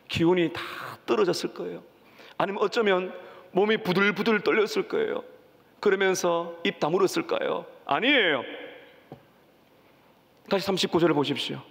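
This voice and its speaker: Impassioned high gravelly pastor preaching. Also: male voice, normal speed, long pauses, fairly bright tone. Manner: impassioned, rising to cries when voicing pleas. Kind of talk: sermon. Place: church sanctuary. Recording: church hall reverb.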